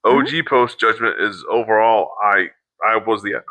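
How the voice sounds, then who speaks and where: Middle-aged male co-host, sharp bright tone, dry close sound, reads posts aloud haltingly with blunt asides. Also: fairly low pitch, dry recording, poor audio. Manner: halting, restarts mid-sentence, swears in asides. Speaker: co-host reacting to online posts. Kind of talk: reading aloud with casual commentary.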